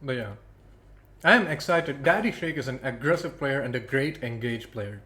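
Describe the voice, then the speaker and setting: A young man casting a student esports tournament alone on a stream, chatty and self-deprecating, thinking out loud between picks. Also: medium pitch, animated, moderate pace. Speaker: esports caster. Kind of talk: solo livestream commentary.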